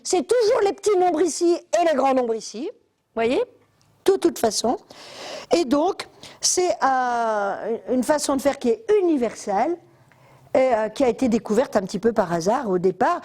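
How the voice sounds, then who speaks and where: An older woman lectures a room full of listeners. Her voice sits fairly high yet stays mellow and soft-edged. She talks in a lively, chatty way, full of asides and hesitations. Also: moderate pace. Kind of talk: live lecture to an audience. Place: lecture hall.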